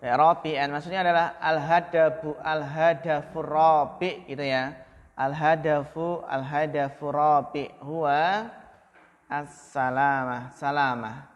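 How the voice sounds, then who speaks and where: A man with an Indonesian accent teaching Arabic grammar to a class. He draws out Arabic phrases slowly, then fires quick questions at students by name. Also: on the high side, steady tone, big-room sound, highs cut off. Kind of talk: classroom lesson, calling on students.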